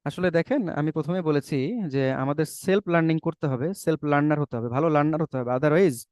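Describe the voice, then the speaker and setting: A man's voice: on the high side, a little fast, a little mellow, no echo. A man giving a persuasive webinar lecture as a spoken English teacher, asking rhetorical questions.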